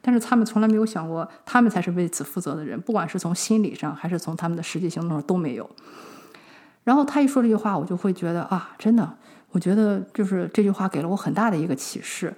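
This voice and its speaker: A young adult woman from China hosts a podcast, chatting through a personal story and acting out remembered conversations. She talks fast with a fairly low voice, chatty, full of fillers and animated retold dialogue.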